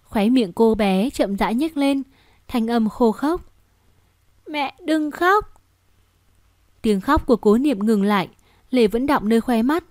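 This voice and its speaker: A woman narrating a romance novel as an audiobook, in a steady, expressive storytelling manner. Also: on the high side, normal speed, no echo, clean studio sound. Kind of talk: scripted narration.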